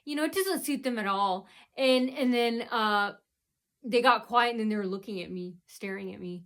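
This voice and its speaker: Her voice is fairly bright and on the high side, moving at a moderate pace. The American woman, a vlogger, rambles casually with heavy ums and uhs, meandering and constantly looping back with "so anyway."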